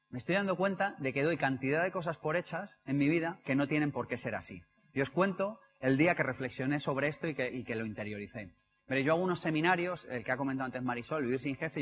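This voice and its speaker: A young man from Spain gives a live motivational talk, telling stories and asking the audience questions. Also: mid-range voice. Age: young adult. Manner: lively storytelling, asks the audience questions. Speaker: motivational speaker.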